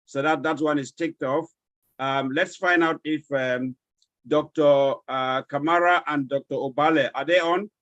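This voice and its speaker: A man's voice: a little high, fairly even intonation, fairly bright tone, dry recording, muffled recording. Courteous Nigerian man moderating a webinar. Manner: courteous, halting roll call. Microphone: video call.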